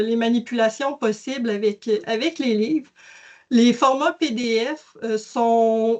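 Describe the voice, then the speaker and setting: A woman presenting a webinar, explaining a digital library in a casual way with many fillers and restarts. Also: a little high. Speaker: educational services presenter. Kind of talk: webinar software demonstration.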